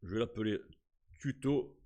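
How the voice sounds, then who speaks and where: A man, casually talking through a software tutorial step by step, with frequent fillers as he clicks. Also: lowish voice, moderate pace. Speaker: tutorial host. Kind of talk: screen-recorded software tutorial.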